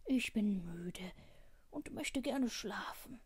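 A woman voicing a tired, trusting male dog that speaks softly and sleepily in a storybook reading. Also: medium pitch, animated, slow pace, slightly rough, no echo, heavily acted. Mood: sleepy.

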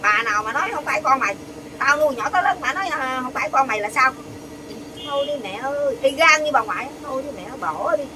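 An older woman telling a family quarrel story, animated and quoting others in quick bursts. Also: sits high, far from the mic, noisy background. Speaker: interviewee. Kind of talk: heated storytelling.

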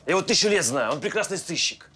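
Fast-talking, tense husband. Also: male voice, fairly high pitch, expressive, sharp tone, slight background noise. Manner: tense, quick, defensive. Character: worried, defensive husband in trouble. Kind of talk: TV drama acting.

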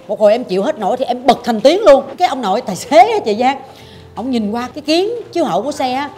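A woman's voice: high-pitched, mellow. A woman, hosting a talk show and dramatically telling a personal story, acting out her own past thoughts. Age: 40s. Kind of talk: confessional storytelling chat.

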